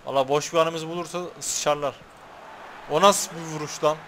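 A man's voice: on the high side, fairly even intonation, normal speed, a bit bright, slight background noise. Heated man commentating his own football game. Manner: talks to the players on screen, swears, gets heated over fouls. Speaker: gaming YouTuber.

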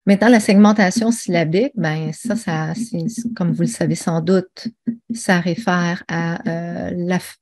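Presenting a teaching webinar online, a woman speaks in a lowish, slightly mellow voice. Her style is chatty, peppered with fillers and restarts.

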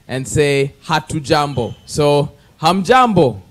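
A man's voice: a little high, animated, takes it slowly. A man in his thirties from Kenya, introducing himself playfully into a handheld mic in a conference room. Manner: playful, chatty. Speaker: conference participant. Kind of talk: self-introduction to an audience.

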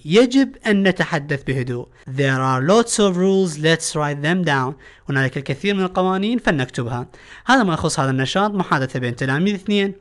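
Iraqi-accented male English teacher. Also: on the high side. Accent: Iraqi Arabic. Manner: reads English lines slowly, then translates them. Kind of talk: recorded classroom lesson.

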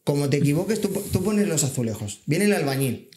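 A man's voice: on the high side, lively intonation, fast, warm tone. Earnest man in a roomy podcast room. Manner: earnest, moralizing, gives everyday examples. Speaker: podcast guest, civil guard officer. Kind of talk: casual podcast conversation.

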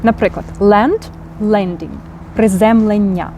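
A woman's voice: medium pitch, steady tone, a little slow, mellow, highs cut off, a little hiss or hum. Ukrainian-accented woman teaching English vocabulary. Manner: explains patiently, checks in with "так?". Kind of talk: vocabulary lesson.

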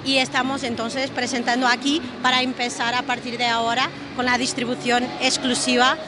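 A woman's voice: on the high side, flat delivery, moderate pace, background noise. A young woman with a Portuguese accent, a brand representative speaking in hesitant Spanish with many filler sounds at a fitness trade fair, into a handheld reporter mic. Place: large exhibition hall at a fitness fair. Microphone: handheld reporter mic held to her. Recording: loud music and crowd in hall.

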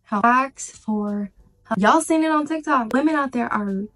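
A woman vlogger giving casual lifestyle advice, emphatic and repeating her key phrases, slowing down to stress points. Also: on the high side, noisy background.

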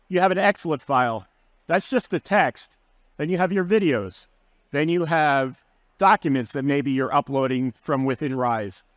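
A man talking through a work tool at a conference session, casual and keen. His voice sits a little high and sounds close and dry, with fillers as he goes. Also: no echo. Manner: casual, enthusiastic, explaining with fillers. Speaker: guest speaker, learning and development manager.

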